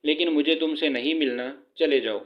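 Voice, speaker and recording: A man voicing a stubborn, angry young woman who refuses an arranged marriage, in a sharp, scornful way. His own somewhat high voice carries her lines. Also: steady tone, lo-fi sound, lightly acted.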